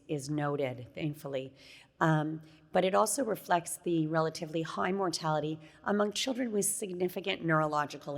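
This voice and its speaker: A middle-aged woman speaks at a conference with a very low, gravelly voice that she is losing. She is hoarse but conversational and relaxed, with frequent fillers. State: losing her voice. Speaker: conference speaker, child neurologist. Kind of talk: conference talk.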